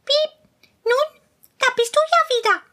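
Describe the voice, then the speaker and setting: A woman voicing a timid, chatty little female mouse in a storybook reading, with a squeaky, peeping voice and rapid, excited chatter. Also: heavily acted.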